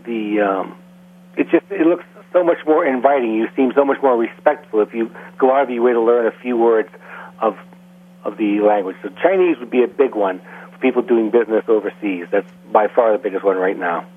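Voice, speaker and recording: Husky man on a phone-like line. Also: lowish voice. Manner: measured, explanatory, with frequent fillers. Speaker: guest language expert. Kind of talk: casual radio interview.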